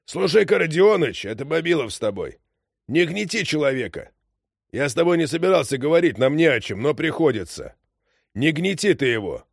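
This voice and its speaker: A man's voice: fairly high pitch, very animated, fairly quick, gravelly, husky, dry recording, clean studio sound, pitched above the performer's own voice, exaggerated voice. A man voicing an old ship's engineer who is stubborn and moral, scolding in a raised voice. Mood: pleading.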